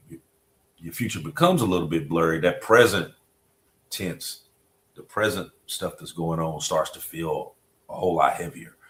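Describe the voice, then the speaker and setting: A man's voice: deep voice, fairly bright tone. A middle-aged man hosting a podcast conversation, reflective and repetitive, often asking "you know what I mean". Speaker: podcast host.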